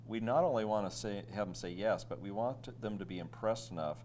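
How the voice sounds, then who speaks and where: A man with a deep voice co-hosts a chatty talk show. He tells his stories earnestly and plays both sides of a sales talk. A faint hum of noise sits under his voice. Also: a little fast, darkish tone. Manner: earnest storytelling, acting out client talk. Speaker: co-host. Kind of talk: casual radio talk.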